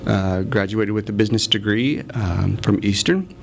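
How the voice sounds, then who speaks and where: An American man in his forties, a city council candidate, is a guest in a casual interview, talking in a friendly way with lots of ums and laughter. His voice is fairly low and gravelly at a normal speed, with a little hiss or hum in the background.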